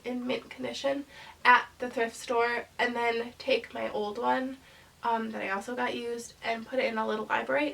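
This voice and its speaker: A woman's voice: sits high, vocal fry, a bit bright, recorded from a distance, low-quality recording. A young woman with a congested voice from a cold, chatting casually in a rambling way about her book haul as a channel host. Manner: chatty, rambling, many ums and likes.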